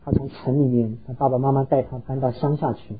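A man's voice: mid-range voice, little pitch movement, brisk, slightly rough, narrow, tinny audio. A pastor preaching a sermon, earnestly telling stories and slipping English words into his talk. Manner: earnest, heartfelt storytelling.

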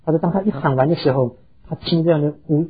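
A man's voice: a little high, fast talker, phone-quality sound, background noise. A pastor preaching a sermon, earnestly telling stories and slipping English words into his talk. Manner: earnest, heartfelt storytelling.

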